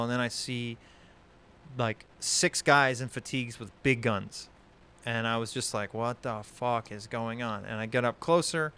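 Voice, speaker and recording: A man's voice: mid-range voice, a bit bright, clear, resonant tone. A man who hosts a podcast, talking in a casual discussion stream, heated and exasperated, swearing often and rambling with many restarts. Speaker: podcast host.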